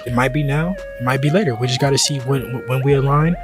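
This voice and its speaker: A man giving an interview answer in a relaxed, halting way. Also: medium pitch, over music.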